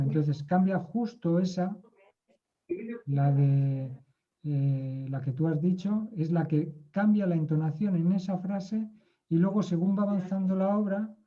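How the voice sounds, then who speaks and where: Man, slightly high voice, hesitant with fillers, muffled video-call sound, group discussion. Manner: hesitant, many fillers and restarts. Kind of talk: casual discussion.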